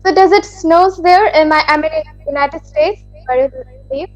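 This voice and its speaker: A woman's voice: sits high, normal speed, highs cut off, soft background music. A woman with an Indian English accent chatting with a tutor on a video call, laughing lightly between answers. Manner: chatty with frequent small laughs. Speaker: English learner and channel host. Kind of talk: casual video-call chat and scripted intro. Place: video call on a language app.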